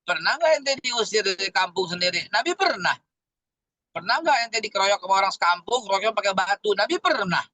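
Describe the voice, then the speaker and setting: Guy preaching, high bright voice, dry close sound, lots of rhetorical questions. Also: a little fast, no room sound. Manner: animated, slangy Jakarta-style preaching with rhetorical questions. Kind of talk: sermon.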